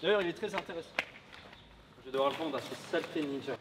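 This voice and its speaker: A man playing a sleazy peddler pitching a book, recorded from a distance with loud music. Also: fast, very noisy, close to an everyday voice. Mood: sly. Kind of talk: amateur comedy film acting.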